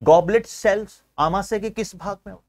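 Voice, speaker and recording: Energetic coaching teacher, dry sound. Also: male voice, sits high, moderate pace, no room sound. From India. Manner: energetic, uses memory tricks and asks himself questions; keeps addressing viewers as friends. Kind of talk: live online exam-prep class.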